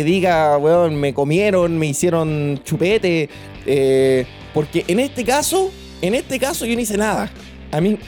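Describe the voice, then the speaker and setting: A young Chilean man spins a personal tale for his podcast, his voice pitched a bit high yet mellow and warm. He rambles in crude street slang, stumbling over restarts and repeating himself. A faint guitar plays softly behind him. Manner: repeats words and restarts often. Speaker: podcast host. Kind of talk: personal storytelling.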